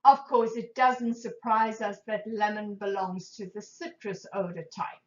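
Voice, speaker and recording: A woman presenting aromatherapy in a calm instructional talk, gentle and measured, lingering over lists of scents. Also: mid-range voice, roomy sound, lo-fi sound.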